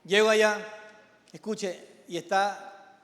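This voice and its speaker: A middle-aged male pastor with a high voice preaches a live sermon. He urges his hearers with emphatic repetition, then drops into quiet storytelling. The recording carries the long reverb of a large church hall. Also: fairly even intonation, takes it slowly.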